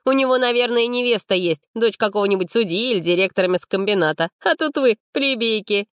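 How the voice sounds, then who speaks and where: A woman reading an audiobook, voicing a cynical, sharp-tongued young female student with a scornful, mocking tone. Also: medium pitch, fast talker, dry recording, studio quality, voice pushed up, close to an everyday voice.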